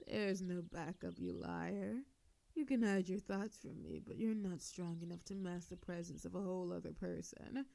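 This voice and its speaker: A woman's voice: mid-range voice, vocal fry, dark tone. A woman playing a sardonic telepathic supervillain in a scripted audio drama, with a theatrical, teasing way of drawing out her words. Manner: theatrical, taunting, drawn-out words. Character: sardonic female telepathic supervillain, menacing yet softening.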